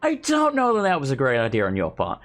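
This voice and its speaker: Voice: mid-range voice, wildly swooping pitch, fast talker, faint music behind. A game player giving casual, sarcastic, wisecracking commentary with some swearing. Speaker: let's player.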